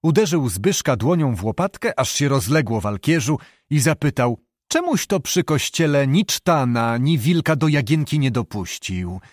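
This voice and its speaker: Expressive male audiobook narrator. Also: mid-range voice, normal speed, no room sound, clean studio sound. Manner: expressive, dramatic reading. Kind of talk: audiobook narration of a historical novel.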